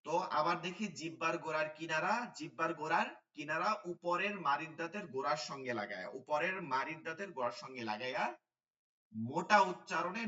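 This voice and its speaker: A man's voice: fairly high pitch, sharp tone, reverberant, recorded from a distance, dull audio. A man teaching Quran letter pronunciation in an online class, patiently repeating the sounds and checking with his students. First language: Bengali.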